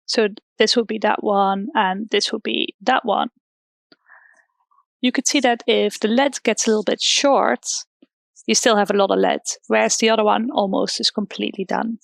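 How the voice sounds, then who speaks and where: Working from a hairdresser's salon converted into a temporary studio, a young Dutch art teacher demonstrates drawing fundamentals step by step, with some fillers. She talks at a moderate pace in a medium-pitched, creaky voice with fairly even intonation, and no room sound is audible.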